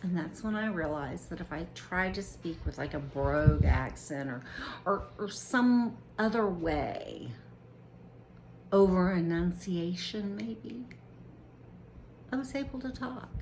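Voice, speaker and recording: A woman vlogger speaking earnestly and deliberately about her own experience, with occasional restarts. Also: lowish voice, animated, noisy background. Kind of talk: personal reflective monologue to camera.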